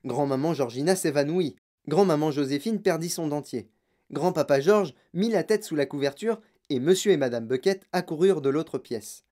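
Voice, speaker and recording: A man narrating a children's audiobook in a calm, low storytelling tone. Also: moderate pace. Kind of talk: audiobook reading.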